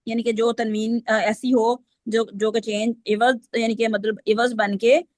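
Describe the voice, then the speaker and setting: A woman's voice: a little high, level tone, a little slow, darkish tone, no room sound. A woman teaching Quranic recitation rules, explaining step by step and quizzing her students. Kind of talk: online class lesson.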